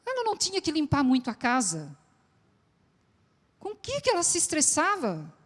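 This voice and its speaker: Female psychologist with a southern Brazilian accent, higher voice, lively, questions the congregation, big echoing church hall. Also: moderate pace. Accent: Brazilian Portuguese, southern. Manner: lively, asks the audience questions. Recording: long echo of a large church hall.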